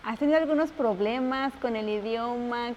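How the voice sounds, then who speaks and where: A woman's voice: on the high side, normal speed, a little mellow, dull audio. A woman hosting an interview and asking playful, teasing questions. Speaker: host, interviewer. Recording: reverberant room with faint noise.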